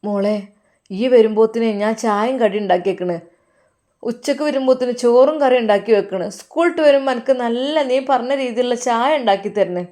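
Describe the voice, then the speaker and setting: A woman's voice: on the high side, a little fast, mellow, close to an everyday voice. A woman voicing a stern older mother-in-law who lectures and scolds in a Malappuram Malayalam accent. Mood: scolding.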